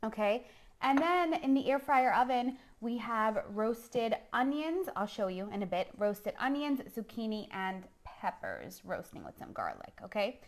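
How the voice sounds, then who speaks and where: On her casual live cooking stream, a middle-aged chef from San Juan, Puerto Rico, talks informally and keeps checking in with viewers, often adding "okay?" Her voice is slightly high and very animated, though her pace stays measured.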